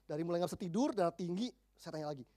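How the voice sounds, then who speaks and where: A high-voiced male pastor in his forties preaches at a quick clip. He tells counseling stories in casual slang and acts out each person he quotes. His delivery stays animated throughout the sermon.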